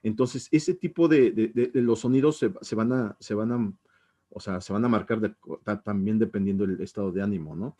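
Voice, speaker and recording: A man with a lowish, mellow voice and normal speed teaches an introductory linguistics class in an informal recorded lecture. He speaks hesitantly, with many restarts and tag questions.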